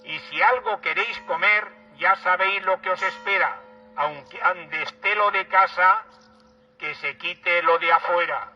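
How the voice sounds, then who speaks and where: A man delivers a town crier's rhyming proclamation in a high voice. He declaims it slowly, line by line. The recording is dull and picked up at some distance from the microphone. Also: faint music behind. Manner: declamatory, measured verse delivery. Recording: muffled, distant mic.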